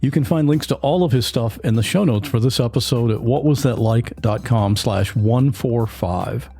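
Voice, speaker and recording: A man's voice: medium pitch, normal speed, dark tone, slightly rough, soft background music. A man hosting a podcast, speaking casually and directly to his listeners. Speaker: podcast host. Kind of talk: interview and scripted outro.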